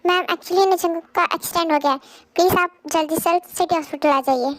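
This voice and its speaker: A woman's voice: very high voice, fairly even intonation, brisk. A woman voicing a formal stranger on the phone who speaks politely but urgently, in a fan audio drama dub.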